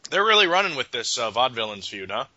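A man reacts to a recap in a casual chat, snarky and incredulous. His voice is very bright and swings widely in pitch. The sound is dry and dull, like a lo-fi recording. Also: big pitch swings, fast talker, no room sound. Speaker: podcast co-host.

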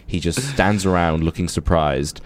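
A man's voice: sits low, moderate pace. A man co-hosting a radio show, giving a wry, opinionated, conversational film review. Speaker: radio co-host and film critic.

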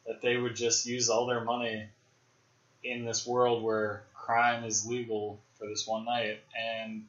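Rambling young man, bright voice. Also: mid-range voice, monotone, a little slow. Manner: rambling, speculative, frequent fillers and restarts. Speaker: podcast host. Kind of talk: casual film discussion. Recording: roomy, dull lo-fi podcast audio.

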